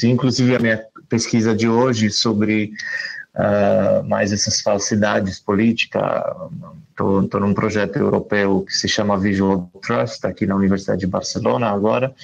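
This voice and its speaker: A man who works as a filmmaker and researcher speaks on a casual panel, his voice slow, gravelly and fairly low. He sounds hesitant, with many fillers and restarts. The audio is dull, lo-fi online call sound.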